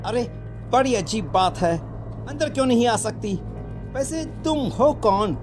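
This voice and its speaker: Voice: mid-range voice, expressive, a little slow, music in the background, lightly acted. A voice actor playing a confused twenty-year-old young man in a cartoon, earnestly protesting. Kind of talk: Hindi cartoon voice acting.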